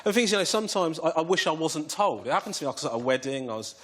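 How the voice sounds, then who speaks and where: A man's voice: fairly high pitch, lively intonation, rapid-fire. A man from England, a comedian guest telling self-mocking stories on a chat show and acting out the people in them. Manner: storytelling, self-mocking, acts out quoted voices. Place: television studio with live audience. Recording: loud audience laughter and applause.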